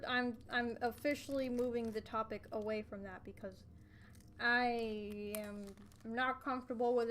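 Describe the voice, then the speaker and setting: A teenage girl chats casually on a livestream from her bedroom, her voice a little high, rambling with lots of fillers and giggles. She uses a streaming desk mic, with game soundtrack music playing faintly and slight background noise.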